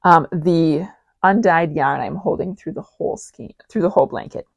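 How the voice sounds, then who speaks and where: A woman's voice: low voice, moderate pace, creaky, darkish tone, breathy edge, no echo. A woman in her forties hosting a knitting podcast, chatting casually with frequent ums and restarts. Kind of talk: casual show-and-tell chat.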